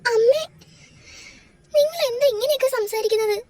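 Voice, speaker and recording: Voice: very high-pitched, normal speed, dark tone, a little hiss or hum. A performer voicing a bewildered young wife in a home-made doll drama, pleading in confusion and close to tears. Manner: pleading, confused, rising to tearful.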